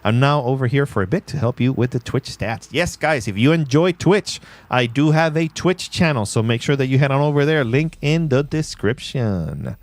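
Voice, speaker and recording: A man hosting a casual livestream, playful and laughing often while he reads chat shout-outs. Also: medium pitch, lively intonation, moderate pace, few pauses, no room sound. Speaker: livestream host. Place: in Puerto Rico.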